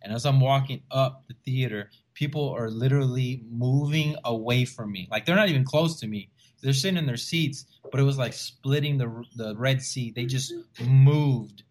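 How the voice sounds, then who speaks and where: A man's voice: medium pitch, moderate pace. A man from the Rio Grande Valley in Texas, a stand-up comedian guest telling stories in a casual interview and acting out what people said. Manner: animated storyteller who acts out quoted voices.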